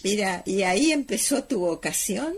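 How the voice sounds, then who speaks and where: A man with a Rioplatense accent, interviewing a guest with short, unhurried questions and encouraging replies. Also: sits high, expressive, gravelly, breathy edge. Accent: Rioplatense Spanish. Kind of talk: interview conversation.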